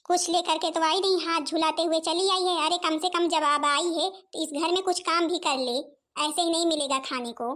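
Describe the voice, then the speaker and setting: A woman voicing a shrill nagging mother-in-law. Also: steady tone, normal speed, fairly bright tone. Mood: scolding. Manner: nagging, harsh scolding. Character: stern scolding middle-aged mother-in-law, stingy. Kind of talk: cartoon voice acting.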